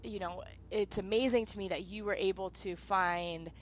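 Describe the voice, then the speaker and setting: A woman's voice: mid-range voice, fairly even intonation, normal speed, slight background noise, poor audio. A woman in her thirties hosting an interview, a former soccer player who talks empathetically and fills her sentences with "um" and "you know". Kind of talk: casual interview conversation.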